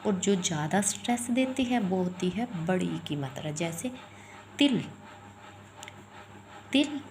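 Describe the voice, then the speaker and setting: Slow-speaking woman teaching Hindi. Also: lowish voice, expressive, darkish tone, a little hiss or hum. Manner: spells words out sound by sound and repeats them. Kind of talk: explaining letters and vowel signs.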